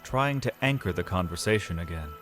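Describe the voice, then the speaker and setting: A low-voiced man, animated and a bit bright, tells a dramatic fantasy tale with faint music underneath. His delivery is solemn and measured, each phrase set off by deliberate pauses.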